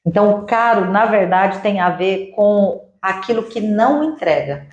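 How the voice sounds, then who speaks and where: Woman, sales mentor, teacherly and energetic, middle pitch, echoey room. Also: moderate pace, muffled recording. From Uberlândia, Minas Gerais, Brazil. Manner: energetic, teacherly, acts out sample dialogues. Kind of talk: didactic interview answers.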